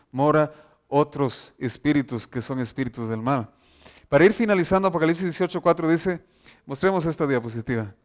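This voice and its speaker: A man preaching an earnest sermon, reading scripture aloud from slides and slowing down to stress key verses. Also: fairly high pitch.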